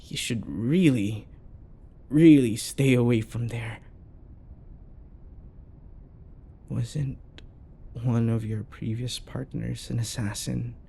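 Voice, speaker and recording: In an intimate ASMR roleplay, a man plays a possessive, jealous yandere boyfriend, coaxing and passive-aggressive, mixing sweet pet names with quiet menace. His mid-range voice is creaky and husky, fully in character, and he takes his time. The mood stays jealous yet controlled.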